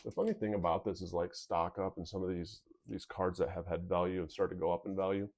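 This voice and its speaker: A man with a low voice chats casually as he opens card packs for viewers. His nose is sniffly and whistles as he talks. He rambles along candidly. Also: steady tone, fast, a little mellow. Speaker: video host. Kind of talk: casual card pack opening commentary.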